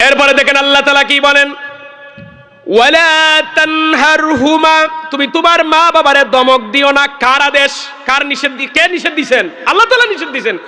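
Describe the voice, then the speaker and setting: A man's voice: extremely high pitch, fairly quick, bright, forceful tone, long reverb tail. A man preaching a sermon with fervor, chanting verses and calling out to the crowd. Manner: fervent, chanting Quranic verses, calls out to the crowd.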